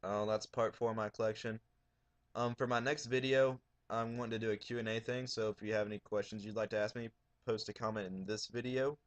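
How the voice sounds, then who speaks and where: Loud, profane guy. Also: fairly low pitch, fairly even intonation, fairly quick. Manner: raising his voice, loud and profane. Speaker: horror DVD collector showing his shelf. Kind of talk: casual video blog.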